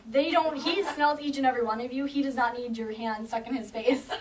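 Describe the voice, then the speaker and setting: Woman trainer teaching volunteers about dogs, kinda high voice, camera far off, bit of noise. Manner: confident, explains with quick acted-out dog thoughts. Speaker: shelter animal trainer. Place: indoor room at an animal shelter. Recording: distant camera mic, faint noise.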